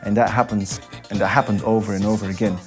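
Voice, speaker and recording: Low-voiced man, reflective. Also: flat delivery, fast talker, music in the background. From Belgium. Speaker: DJ and producer, interview guest. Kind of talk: reflective interview talk. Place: nightclub.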